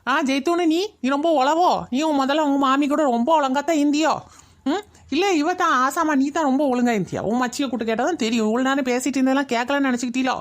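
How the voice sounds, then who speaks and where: A sharp-tongued older woman in a cartoon scolds gossips with biting sarcasm, as a woman plays her. She speaks fast in a Kayalpattinam Tamil accent. Her voice sits high. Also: close to an everyday voice. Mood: scolding. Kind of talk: cartoon voice acting.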